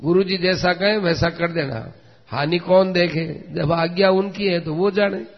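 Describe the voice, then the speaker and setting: High-voiced preacher man in an echoing hall. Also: unhurried. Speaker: religious preacher. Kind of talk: devotional discourse with a story. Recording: dull lo-fi recording in a long-reverb hall.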